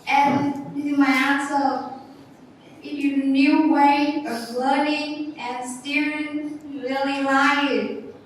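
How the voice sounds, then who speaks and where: A woman's voice: high voice, little pitch movement, slow, a little hiss or hum. A young woman with a Vietnamese accent giving a class presentation, reading out answers carefully and calling on classmates. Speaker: student presenter. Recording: echoey classroom hall from far off.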